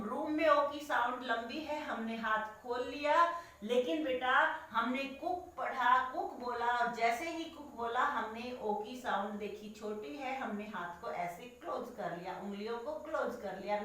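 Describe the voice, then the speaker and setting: A woman's voice: high-pitched, sharp tone. A woman teaching young children patiently, checking in again and again that they follow and calling them "beta". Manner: patient, repeats "theek hai?" and calls pupils "beta". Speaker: primary school teacher. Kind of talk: explaining a lesson to young children. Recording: very echoey room, voice far from the mic.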